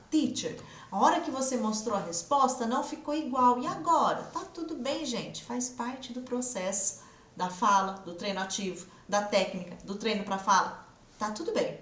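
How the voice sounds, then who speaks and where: A woman from Brazil gives an online English lesson, pitched a little high. She keeps her students going with encouragement and says each English phrase slowly. Her voice echoes in the room. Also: fairly bright tone. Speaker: English teacher.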